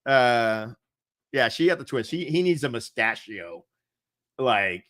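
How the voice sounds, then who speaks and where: A man's voice: mid-range voice, lively intonation, slow, a bit bright. Rambling candid man co-hosting a chat. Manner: rambling and candid, with frequent fillers; laughs often while talking. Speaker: co-host. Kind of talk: casual chat.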